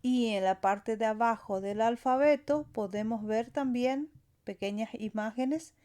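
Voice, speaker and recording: A woman's voice: a little high, unhurried, a little mellow. A woman teaching a language lesson, saying sounds and words one at a time and stressing the final syllables. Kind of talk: slow explanatory lesson.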